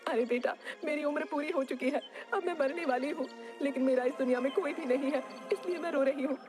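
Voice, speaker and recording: A woman's voice: high-pitched, fairly quick, music in the background, pitched above the performer's own voice, close to an everyday voice. A woman voicing a frail old village woman who is dying and weeping, in a cartoon story. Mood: sad, pleading. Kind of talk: cartoon dubbing.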